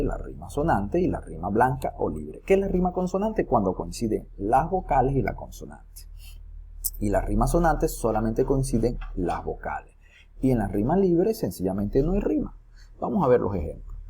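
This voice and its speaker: A man's voice: medium pitch, dark tone, slight background noise. A man teaching a recorded lesson, explaining each step and asking his students questions as he goes. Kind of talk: recorded lesson on poetry metrics.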